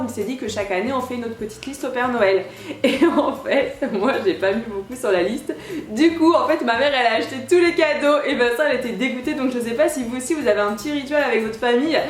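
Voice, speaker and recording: A young woman from France chatting casually in a home vlog, bubbly and chatty with lots of fillers and restarts. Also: on the high side. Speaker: YouTuber. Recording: echoey room with light music.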